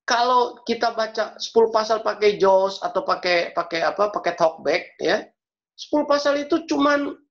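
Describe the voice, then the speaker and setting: A man's voice: high-pitched, fairly bright tone. A man preaching and praying as a pastor, speaking earnestly and repeating key phrases for emphasis. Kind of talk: sermon and prayer. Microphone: video call. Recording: dull lo-fi video call audio.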